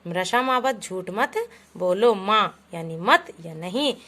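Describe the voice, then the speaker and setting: With a mid-range, sharp-toned voice that is animated yet unhurried, a woman patiently teaches children Sanskrit in a classroom. She calls them "beta," reading each example aloud before translating and explaining it in Hindi.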